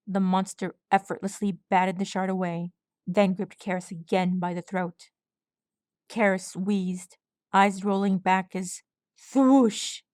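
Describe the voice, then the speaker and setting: A woman's voice: mid-range voice, darkish tone, no room sound. A woman reading fan fiction aloud as an audiobook, with dramatic storytelling narration. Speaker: audiobook reader.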